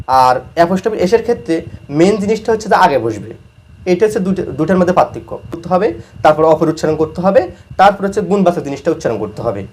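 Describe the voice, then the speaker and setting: A man teaching English grammar as a lesson, slowly repeating each example word by word. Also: high voice, darkish tone, slight background noise. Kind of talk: explaining grammar.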